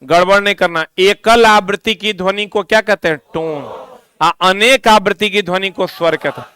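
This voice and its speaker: A man's voice: high-pitched, normal speed, pushed and bright, smooth. A man with a Bihari accent teaching a class, drilling students with repeated questions and scolding them. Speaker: coaching teacher. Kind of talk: classroom lecture.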